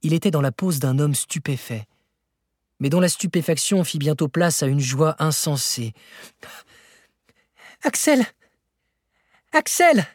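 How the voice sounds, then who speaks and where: A man reading a novel aloud as an audiobook narrator, measured and expressive, rising in pitch for dramatic moments. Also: dry recording, clean studio sound.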